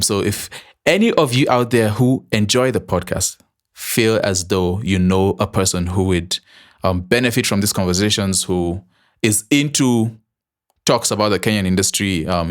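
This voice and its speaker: A young man co-hosting a podcast, chatting casually and teasing his co-host, with frequent "um"s and restarts. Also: fairly low pitch.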